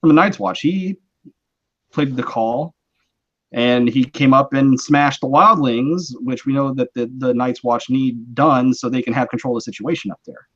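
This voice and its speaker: A man's voice: mid-range voice, moderate pace, a bit bright, dull audio. A man hosting a casual live-stream chat, explaining his views in a rambling, conversational way with many restarts. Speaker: host.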